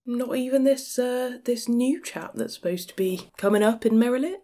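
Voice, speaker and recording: A woman's voice: on the high side, moderate pace, mellow. A woman playing a tabletop role-playing game, giggling and dropping into whispers when speaking in character. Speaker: player.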